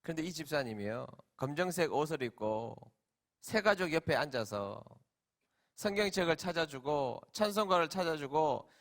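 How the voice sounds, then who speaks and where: A middle-aged senior pastor preaches through emotional storytelling, his slightly high, expressive voice moving at normal speed. He swings from loud, drawn-out emphasis down to hushed quiet.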